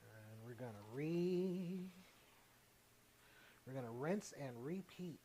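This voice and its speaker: A man's voice: mid-range voice, animated, slow pace, mellow, slight background noise. A man hosting a casual cooking livestream, playful and chatty, talking straight to his viewers. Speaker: cooking show host.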